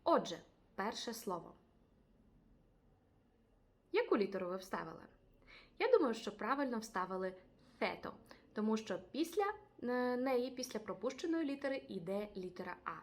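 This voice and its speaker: A woman teaching a language lesson, addressing viewers directly and repeating each word twice, slowly. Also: a little high, sing-song. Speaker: Spanish teacher.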